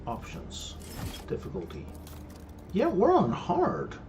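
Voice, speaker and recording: Animated man giving casual gaming commentary. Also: high voice, slow, vocal fry, background noise. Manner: sweary, exclamatory. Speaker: gameplay streamer. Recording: game music behind the voice.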